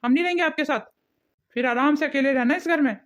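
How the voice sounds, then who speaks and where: A woman's voice: sits high, fast talker, dull audio, natural voice. A woman voicing an exasperated young husband and son in a cartoon family drama, lecturing and fed up.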